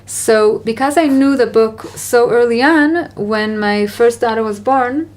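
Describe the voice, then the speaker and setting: Earnest woman giving gentle parenting advice. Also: on the high side, unhurried. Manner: earnest, reflective, gently encouraging. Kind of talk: casual Q&A conversation.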